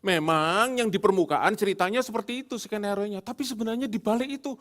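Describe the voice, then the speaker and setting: A man's voice: high voice, quick pace, pitched above the performer's own voice. A preacher voicing a bossy wife who insistently cuts in to correct her husband in a sermon story. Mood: scolding. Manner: sharp, insistent, interrupting.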